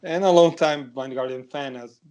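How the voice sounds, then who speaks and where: A man's voice: on the high side, normal speed, a little mellow. A man, speaking in an easygoing way. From Brazil. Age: 30s.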